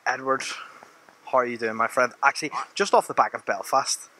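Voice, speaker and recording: A man's voice: medium pitch, a little fast, sharp tone, rough recording. A man with a Northern Irish accent interviewing a guest in a casual way as a sports reporter.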